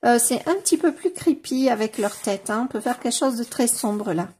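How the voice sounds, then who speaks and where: A woman casually leafing through a coloring book on camera, gushing over the pages with many fillers and slowly sounding out titles. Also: fairly high pitch, animated, a little mellow, slightly rough. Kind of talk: casual flip-through commentary.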